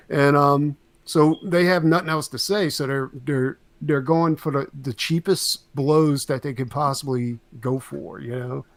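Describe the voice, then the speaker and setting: A man's voice: a little high, steady tone, slow, a bit bright. A man with a slightly raised voice chats bluntly on a livestream. He laughs a lot and swears now and then, dismissive of his critics. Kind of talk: casual livestream chat.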